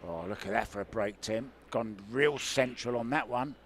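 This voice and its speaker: Chatty male play-by-play voice for a pool broadcast, mid-pitched, faint room hum behind. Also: normal speed. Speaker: play-by-play commentator. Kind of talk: live sports commentary.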